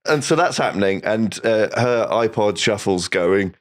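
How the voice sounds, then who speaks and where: Young male comedian guest, slightly low voice, halting anecdotal delivery. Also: animated. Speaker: podcast guest, stand-up comedian. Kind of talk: casual chat.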